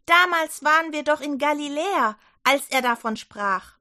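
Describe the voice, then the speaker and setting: A woman voicing Maria, an eager young female follower who talks in an excited, raised voice. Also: sits high, slow, heavily acted. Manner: excited, breathless.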